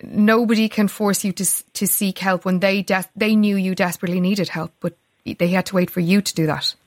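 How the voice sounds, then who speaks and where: A woman's voice: mid-range voice, steady tone, a little fast, no room sound, clean studio sound. A woman with an Irish accent hosting a radio interview, asking questions in a careful, tentative way.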